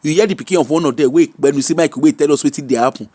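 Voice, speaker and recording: A man's voice: fairly high pitch, racing, mellow, husky, no echo. A man with a Yoruba-influenced Nigerian accent speaking Pidgin in an informal, emphatic rant, repeating phrases and throwing out mocking rhetorical questions.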